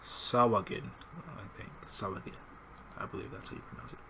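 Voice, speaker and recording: A man's voice: on the low side, fairly even intonation, rapid-fire, creaky, noisy background. Rambling young man in casual chat. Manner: rambling, many fillers, looks up pronunciations aloud.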